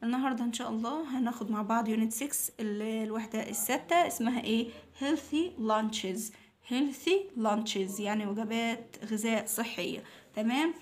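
A woman with an Egyptian Arabic accent teaching English to young children, patiently repeating each new word slowly several times. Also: on the high side. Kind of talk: recorded lesson for young children.

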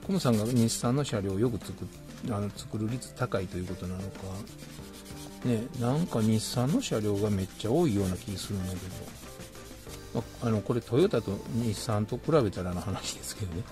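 A man's voice: on the low side, lively intonation, fairly quick, music in the background. A man with a Kansai accent chatting casually to himself while building a plastic model kit. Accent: Kansai Japanese. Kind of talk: casual hands-on narration.

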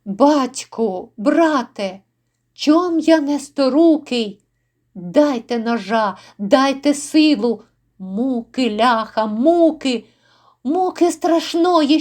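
A woman's voice: sits high, expressive, slow, darkish tone. Woman reading as an anguished young Cossack. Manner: impassioned, pleading. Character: grief-stricken young male Cossack rebel.

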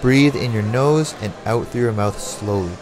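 A man's voice: mid-range voice, normal speed, darkish tone, low-quality recording. A man working as a boxing coach, calling out combinations and timing cues in short, motivational commands. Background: music.

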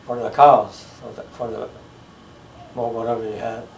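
Seated in his living room recliner, an elderly American-born man haltingly recounts his childhood for a family interview, with many pauses while he hunts for details. He speaks at medium pitch with little variation and some vocal fry. The distant camera mic yields roomy home video carrying slight hiss or hum.

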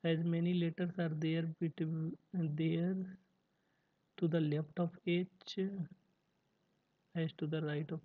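A man works through mock test puzzles as a tutor, reading each question slowly before rattling off the steps in Hindi. His voice is husky and flat in pitch. The sound is dry and narrow, like a phone line. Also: no echo. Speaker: exam prep tutor. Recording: dry tinny phone-like audio.

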